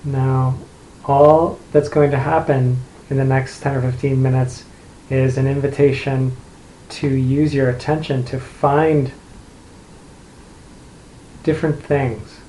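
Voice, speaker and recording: In a mellow, relaxed mid-range voice with little variation in pitch, a man leads a meditation. He gives simple instructions gently, separated by long pauses, while the room lends a noticeable echo and light background noise is present.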